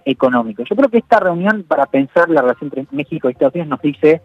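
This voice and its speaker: A man, giving measured political analysis in a radio interview, often pausing to rephrase. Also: on the high side, lively intonation, no room sound. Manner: measured, analytical, peppers speech with "digo". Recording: dull, dry lo-fi radio line.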